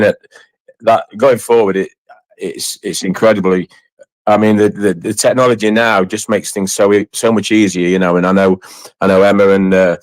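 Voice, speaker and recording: A man hosting a casual interview chat, effusive and rambling, often halting and repeating his phrases. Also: lowish voice, dry recording. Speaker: host of an online community chat.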